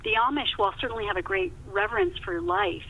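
A woman novelist appears as a podcast guest, telling stories conversationally and emphatically, repeating words to stress them. Her slightly high voice is very animated, fast and creaky, heard over a muffled, hissing phone line.

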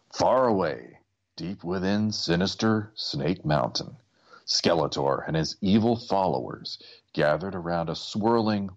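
Male storybook narrator: very low voice, animated dramatic reading, lo-fi sound. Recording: dull lo-fi recording.

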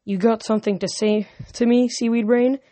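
A young man voicing a sharp, teasing teenage girl in a book read aloud. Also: very high voice, steady tone, moderate pace, pitched above the performer's own voice.

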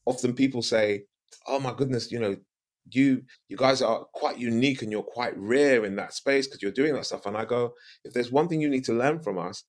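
Speaking at normal speed in a mid-range voice, a middle-aged coach from the UK offers forceful advice as a podcast guest. His delivery is big, with repeated key lines and rhetorical questions.

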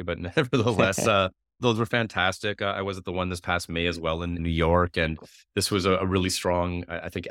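A man from Winnipeg, Canada, hosting an interview podcast with a hoarse smoker's rasp and a runny nose. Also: low voice, a bit bright, dry recording, clean studio sound. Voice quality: raspy, like a heavy smoker, from a strained throat. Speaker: podcast host.

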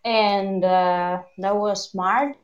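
A woman's voice: mid-range voice, fairly even intonation, very slow, dull audio. A woman from Argentina, a guest musician calling in to a show over a bad phone connection that keeps cutting in and out. She talks in a chatty, hesitant way with fillers. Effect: bad phone connection breaking up, cutting in and out. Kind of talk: casual chat on a call-in show.

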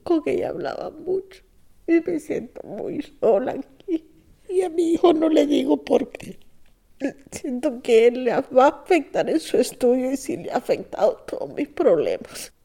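A Salvadoran woman in her fifties, an immigrant learning English, giving a halting, soft personal testimony that sometimes drops to a whisper. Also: sits high, sing-song, creaky. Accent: Salvadoran Spanish.

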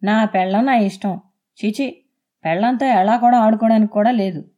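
A woman's voice: mid-range voice, moderate pace, warm tone, pitched above the performer's own voice, close to an everyday voice. A woman reading aloud voices a harsh, mocking young husband who bullies his wife. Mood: scornful. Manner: mocking and bullying. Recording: dull lo-fi.

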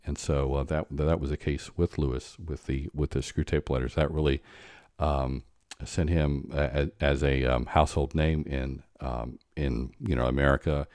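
A deep, low-pitched man hosts a conversation, speaking in a halting, stop-start way full of restarts and fillers. The sound is dry and close, with no room echo. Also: steady tone, a little mellow. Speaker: podcast host. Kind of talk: conversational interview.

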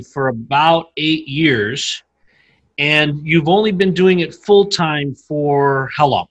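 A man's voice: a little high, fairly bright tone, low-quality recording. A man hosting a real estate podcast, welcoming a guest and asking about his journey in an upbeat, emphatic way. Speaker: podcast host. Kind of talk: conversational interview.

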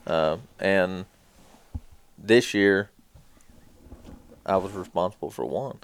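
Low, smooth-voiced man telling stories. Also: takes it slowly, no room sound. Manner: folksy, colloquial grammar. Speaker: podcast co-host. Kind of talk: casual hunting storytelling.

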